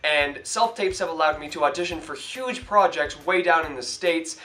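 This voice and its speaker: A man's voice: fairly high pitch, pushed and bright. A young man from Toronto, an actor, giving chatty hands-on advice in a casual how-to vlog, filmed at home. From Toronto, Canada. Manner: upbeat, chatty, hands-on demonstrating. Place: home room in front of a hung sheet.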